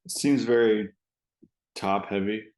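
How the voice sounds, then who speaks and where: A man's voice: on the low side, fairly even intonation, unhurried, a little mellow, reverberant. A man co-hosting a casual sports podcast, chiming in with short remarks. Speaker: podcast co-host.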